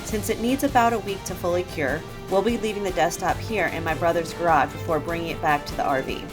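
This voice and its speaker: A woman narrating a casual RV vlog in a chatty, playful, excitable way. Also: lowish voice, a little fast. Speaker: vlogger. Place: RV campground, indoors and outdoors. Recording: background music.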